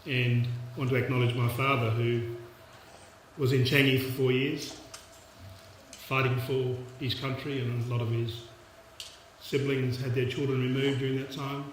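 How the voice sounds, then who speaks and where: An Australian man in his sixties speaks to a gathering in a reflective, halting manner. His medium-pitched voice is heard from away from the mic in a heavily reverberant space, with faint noise behind it. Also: level tone. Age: 60s. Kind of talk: informal public speech. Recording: echoey hall, distant mic, background noise.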